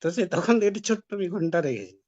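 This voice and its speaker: A man's voice: high-pitched, big pitch swings, racing, darkish tone. A man giving a devotional talk, telling a personal story in a conversational way. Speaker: devotee preacher. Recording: dull lo-fi recording.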